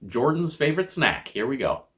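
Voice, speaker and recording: An American man giving a casual food review to camera in a measured, descriptive way, crunching and chewing chips between remarks. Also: mid-range voice, big pitch swings, fairly bright tone, slight background noise. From United States.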